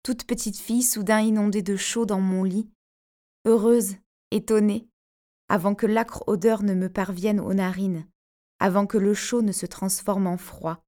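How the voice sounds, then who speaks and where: Anxious young pregnant wife voiced by a woman, intense, broken phrases, slow delivery. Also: medium pitch, steady tone, dark tone, lightly acted. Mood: reflective. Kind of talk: audiobook character narration.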